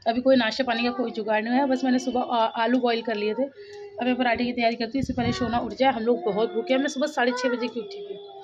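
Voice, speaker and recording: Woman in her thirties, high voice, fast talkative home vlog, kitchen chatter, muffled lo-fi sound. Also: steady tone. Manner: fast, talkative, laughing asides. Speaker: vlogger, mother.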